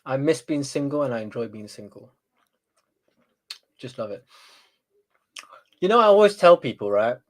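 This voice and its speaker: A man's voice: mid-range voice, very animated, normal speed, pauses often. A young man chatting as a guest on a talk show, easygoing and jokey. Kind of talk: casual chat.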